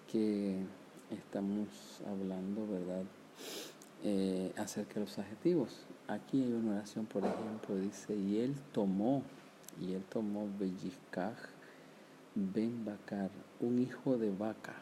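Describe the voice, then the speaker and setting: Gravelly, dark-voiced man teaching Hebrew grammar. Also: fairly low pitch, a little hiss or hum. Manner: explains step by step, often checks with "¿verdad?" and "¿ok?"; sounds out Hebrew words slowly, syllable by syllable. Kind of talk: recorded grammar lesson.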